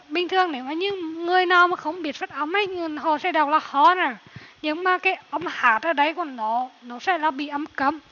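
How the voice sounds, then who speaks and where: A woman teaching English pronunciation, reading a passage slowly and repeating words, then explaining quickly. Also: high voice, fairly bright tone. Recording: dull lo-fi recording.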